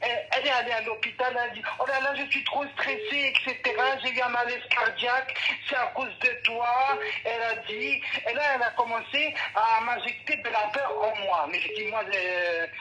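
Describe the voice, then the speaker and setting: A stressed, whiny young man calls in to complain, stumbling and repeating his words, as a man plays him. His voice comes through bright and edgy. A crackly phone line hisses faintly under him. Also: extremely high pitch, moderate pace, few pauses. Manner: stammering, repeats himself, complaining. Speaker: caller. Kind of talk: comedy phone-in sketch.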